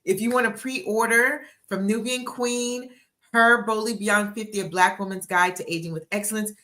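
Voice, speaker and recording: A woman's voice: mid-range voice, steady tone, moderate pace, sharp tone. A woman in her sixties hosting a livestream interview as a book coach, upbeat and encouraging, often repeating herself on a video call. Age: 60s.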